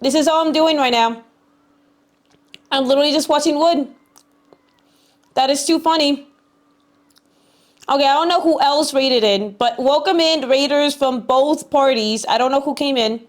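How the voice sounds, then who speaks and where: High-voiced woman streamer, cute and bubbly. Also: moderate pace, long pauses. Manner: chatty, repeats herself. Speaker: livestreamer. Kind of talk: casual livestream chat with viewers.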